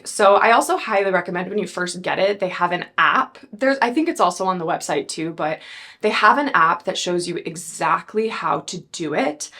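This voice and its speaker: A woman's voice: on the low side, fairly bright tone. A woman in her thirties chatting casually through a beauty product review, rambling with fillers and self-corrections. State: a bit out of breath. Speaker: beauty vlogger.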